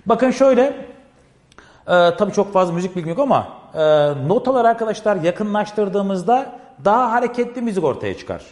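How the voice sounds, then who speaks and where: A man's voice: high-pitched, a little mellow. A man teaching a classroom lecture, explaining step by step, repeating key phrases and constantly addressing his listeners. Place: classroom with a board. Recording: echoey room with long reverb.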